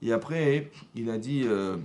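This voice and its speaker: A male rabbi teaches a lesson in a synagogue, speaking at an even mid-range pitch. He stresses his points insistently and keeps checking that his audience follows him. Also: measured pace. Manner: animated, repetitive teaching with checks for understanding. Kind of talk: Torah lesson.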